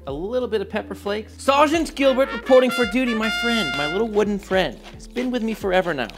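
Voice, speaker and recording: A man in his thirties hosting a home cooking tutorial in a kitchen, enthusiastic with playful asides. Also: fairly high pitch. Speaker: cooking show host.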